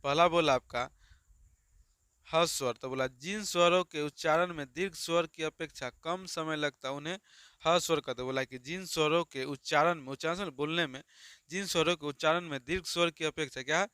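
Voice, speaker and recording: A male teacher drills students through a grammar lesson, repeating questions and answering them himself. His voice is bright and crisp, and the recording is close and dry. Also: fairly high pitch, normal speed, no room sound. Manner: repetitive call-and-response questioning.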